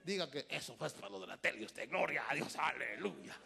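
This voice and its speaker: A man preaching a sermon as a pastor, swinging between loud shouted lines and hushed asides, with a Central American Spanish accent. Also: mid-range voice, animated, brisk, vocal fry.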